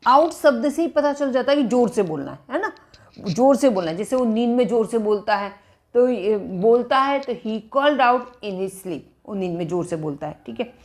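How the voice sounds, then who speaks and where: A woman's voice: on the high side, animated, normal speed. A woman teaching English phrasal verbs, repeating and dictating example sentences as she explains.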